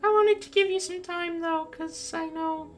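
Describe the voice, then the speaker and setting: A game master voicing a small young spider with a tiny, squeaky, pixie-like voice, gentle, childlike and innocent in a tabletop game. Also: steady tone, moderate pace, faint music behind. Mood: shy, caring. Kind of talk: tabletop role-play character voice.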